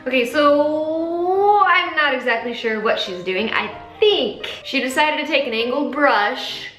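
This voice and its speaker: A woman with a fairly high voice chats casually through a makeup routine, playful and sarcastic. The room adds clear echo, and music plays faintly behind her. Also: a bit bright. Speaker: vlogger. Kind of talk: casual comedic commentary while following a makeup tutorial. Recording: roomy sound with faint music.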